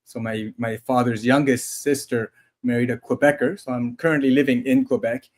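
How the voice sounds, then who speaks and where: Male co-host, forties, mid-pitched, chatty and self-mocking, casual stream talk. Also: steady tone, normal speed. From Taiwan. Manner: chatty, self-deprecating, many restarts and laughs. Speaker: podcast co-host. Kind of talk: casual livestream chat.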